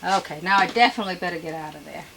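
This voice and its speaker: A woman giving an unscripted painting demonstration as a gentle instructor, with homely, folksy, chatty asides. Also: lowish voice, racing, gravelly, noisy background. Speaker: painting instructor and show host.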